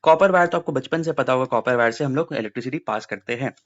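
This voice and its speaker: Young male coaching teacher, animated explainer, drills points by repetition, slightly dull recording. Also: medium pitch, fast talker. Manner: lively, mixes Hindi and English, repeats key points. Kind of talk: explaining science exam questions to students.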